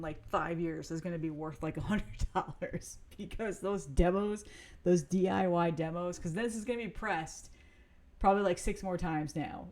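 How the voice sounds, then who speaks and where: A woman with a lowish, somewhat dark voice talks casually to camera about her cassettes. As a music vlogger, she rambles, using fillers and starting sentences over.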